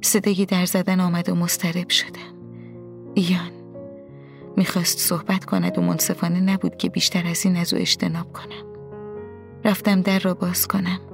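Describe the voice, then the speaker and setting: A woman reading a first-person story aloud in a soft, hushed, partly whispered way, with a husky voice. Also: lowish voice, level tone, long pauses, soft background music. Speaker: audiobook narrator. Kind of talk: scripted first-person narration.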